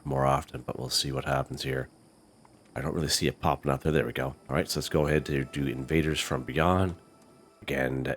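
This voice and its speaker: A man hosting casual gameplay commentary in a relaxed, chatty way, sounding stuffy from a head cold. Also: rumbling low, slight background noise. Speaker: gaming channel host.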